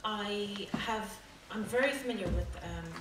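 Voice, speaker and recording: A woman with a west of Ireland accent, informally introducing a song to a live audience in a hesitant, halting, self-deprecating way. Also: medium pitch, over music. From Galway, west of Ireland. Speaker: folk singer introducing songs. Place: roomy indoor venue with audience. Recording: echoey room, distant mic, loud noise.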